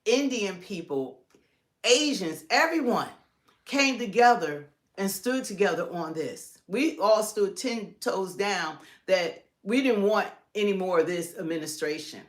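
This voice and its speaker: A woman's voice: mid-range voice, animated, unhurried. A middle-aged woman with an American accent co-hosting a live stream, giving casual, emphatic political commentary and piling up points in lists.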